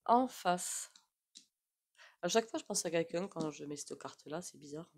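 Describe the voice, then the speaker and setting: A woman's voice: on the low side, expressive, moderate pace. A woman with a regional French accent giving a casual, rambling tarot reading to her viewers, with frequent "hein" asides. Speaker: tarot reader.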